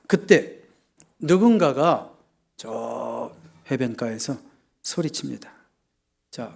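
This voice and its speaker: A male pastor delivers a sermon in a church, his voice sitting a little higher than most men's. He tells the story in an animated way, stopping often to put questions to the congregation. Now and then he bursts into loud acted shouts. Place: church sanctuary.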